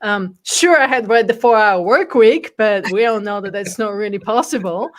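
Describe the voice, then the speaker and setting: Speaking at normal speed in a mid-range voice, this guest on a relaxed interview is a woman in her forties from Bulgaria. Her storytelling is candid, dotted with plenty of ums and some gentle laughter.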